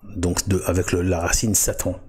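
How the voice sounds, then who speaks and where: A man with a low voice and a husky edge talks in a loose, unscripted monologue. He circles back on his words, fills gaps, and restarts half-finished sentences as he walks his viewers through a web page. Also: little pitch movement. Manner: halting, full of restarts and fillers. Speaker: video host. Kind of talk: casual explanatory monologue.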